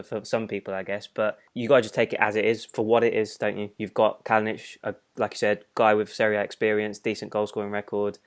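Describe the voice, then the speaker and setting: Chatty man, lowish voice. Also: smooth. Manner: chatty, laughs while reading listener comments. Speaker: podcast co-host. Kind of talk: casual fan podcast chat.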